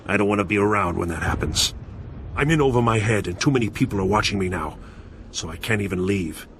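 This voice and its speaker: A man voicing a wary male bounty hunter, defensive and gruff as he talks his way out of trouble. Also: on the low side, lively intonation, fast talker, fairly bright tone, a little hiss or hum.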